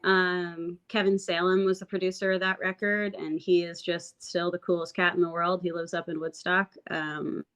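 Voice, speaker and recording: This singer-songwriter guest has a raspy, low voice and chats casually in an interview, reflective and rambling with lots of fillers and restarts. Her tone is level and fairly bright, her speed normal, with hardly any pauses, all captured in dull lo-fi audio.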